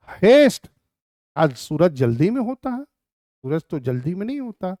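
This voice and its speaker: A man's voice: sits high, darkish tone, no room sound, studio quality. A middle-aged male teacher with an Indian English accent, explaining a poem to students and patiently sounding out English words. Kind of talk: classroom poetry lesson.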